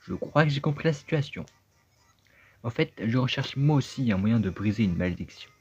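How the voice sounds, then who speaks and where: A man's voice: medium pitch, expressive, normal speed, a little mellow, slightly rough. A man voicing a fussy, grumpy old male talking cap who is bossy and impatient as he reads game dialogue aloud. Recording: dull lo-fi sound with game music.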